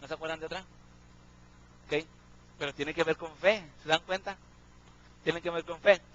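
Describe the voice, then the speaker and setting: Bright-voiced preacher. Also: male voice, a little high, steady tone, normal speed, dull audio. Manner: questions the congregation, checks in with "¿sí?". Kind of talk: sermon.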